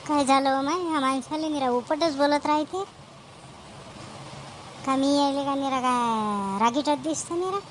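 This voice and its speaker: A woman's voice: high voice, measured pace, pauses often, a little hiss or hum, poor audio. A woman with a Varhadi Marathi accent playing a put-upon young wife and daughter-in-law who pleads and complains in a village comedy skit. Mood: apologetic.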